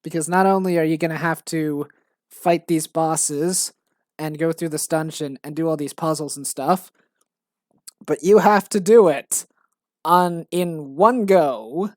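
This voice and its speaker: A game developer streams her work, chatting casually about the game she is making in a rambling, self-mocking way full of fillers and restarts. Her low voice is a little mellow and a little slow. The studio-quality recording has no echo.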